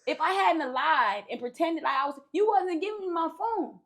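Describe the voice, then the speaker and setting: A woman's voice: extremely high pitch, normal speed. A woman guest on a podcast, casually telling a long story with profanity and acted-out quotes. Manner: animated, profane, acts out quotes.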